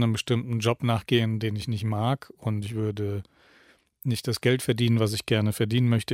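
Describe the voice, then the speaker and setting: A man giving a reflective self-help talk, calmly putting questions straight to the listener. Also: lowish voice, no echo, studio quality. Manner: calm, addresses the listener directly with questions.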